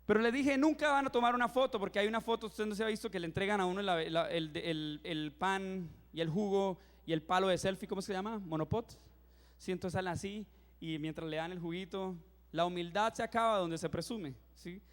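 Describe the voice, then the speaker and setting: A youth pastor in his twenties preaches a sermon full of funny stories, acting out his own reactions with lively energy. His voice is high-pitched, and the recording is in a reverberant hall.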